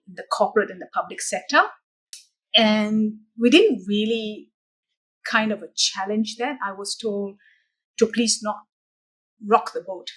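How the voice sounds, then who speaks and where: A woman's voice: mid-range voice, rough recording. A woman from Malaysia, a coach answering interview questions in an earnest, reflective way. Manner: earnest, measured storytelling with some restarts. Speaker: guest, coach.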